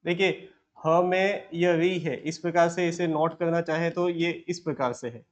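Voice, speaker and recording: A man teaching Hindi grammar, slowly dictating words and repeating each one as a question and answer. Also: fairly high pitch, fairly even intonation. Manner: repetitive, asks and answers himself, slow dictation. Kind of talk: classroom lesson dictating words.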